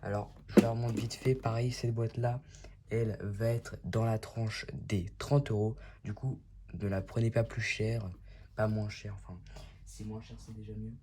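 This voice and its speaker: A man's voice: on the low side, flat delivery, normal speed, background noise. A man hosting a casual unboxing vlog, talking in a chatty and enthusiastic way. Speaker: YouTube host.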